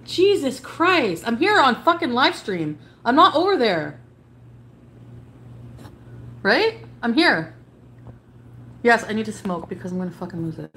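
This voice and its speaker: A woman's voice: fairly high pitch, sing-song, unhurried, pauses often, pushed and bright, a little hiss or hum. A woman livestreamer in an angry, profane rant, hurling insults at her chat while blocking people.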